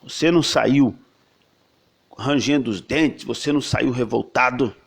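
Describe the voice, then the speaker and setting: A man voicing a solemn male angel of God, speaking slowly, low and gravely.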